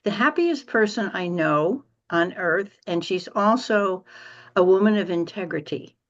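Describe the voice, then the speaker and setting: A woman co-hosting a podcast interview, speaking in an unhurried, complimentary way. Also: medium pitch, lively intonation, highs cut off. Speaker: podcast co-host.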